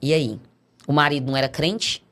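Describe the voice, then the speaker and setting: On a podcast, a middle-aged Brazilian woman offers her personal testimony as casual storytelling, impersonating the people who appear in it. Her Brazilian Portuguese-accented voice is deep and fairly bright, with a steady tone and a slightly fast pace.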